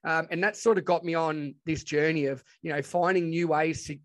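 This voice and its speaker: A man with a broad Australian accent speaks in a slightly high voice. He is informal and enthusiastic, telling stories in a casual, chatty way as a guest being interviewed. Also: fairly even intonation, normal speed. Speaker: podcast guest, educator and presenter.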